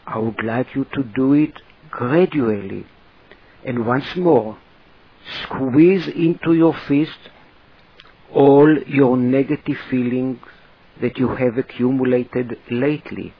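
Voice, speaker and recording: A man narrating a guided relaxation, giving slow, deliberate instructions in short phrases with a husky voice. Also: mid-range voice, lo-fi sound.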